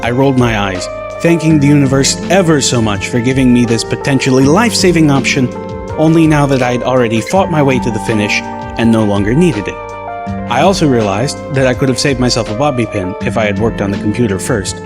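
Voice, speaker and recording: In this clip, a man of medium pitch narrates a scripted first-person story at a fairly quick clip, audiobook style. Loud background music sits beneath the narration.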